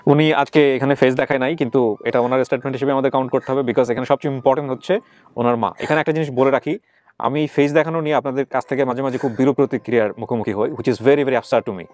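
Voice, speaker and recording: Man, host, fast-paced, directing guests, mid pitch. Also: fairly even intonation, darkish tone. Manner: brisk, directing guests, mixes in English words. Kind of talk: reunion program hosting.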